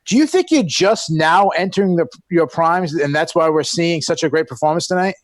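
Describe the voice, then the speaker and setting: High-voiced male sports reporter, dry sound. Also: normal speed, no echo. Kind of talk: asking questions at a press conference.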